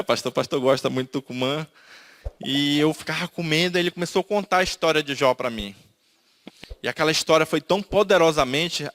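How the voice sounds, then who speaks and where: Brazilian guy telling his testimony, kinda high voice, plays out all the dialogue. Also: fairly bright tone. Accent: Brazilian Portuguese, Manaus. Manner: storytelling, acts out quoted dialogue. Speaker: testimony speaker. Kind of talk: emotional personal testimony.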